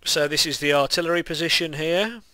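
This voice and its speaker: A man's voice: a little high, a little fast, bright, forceful tone, no room sound. A young man with a lisp and whistling s sounds, giving casual, rambling, self-deprecating game commentary. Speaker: gaming video maker.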